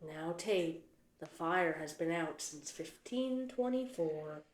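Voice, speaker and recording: A woman's voice: lowish voice, expressive, slow. A woman voicing the patient, mildly dry caretaker of a ghost town in a puppet stage play. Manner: mild, patient, gently dry hosting. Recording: roomy echo.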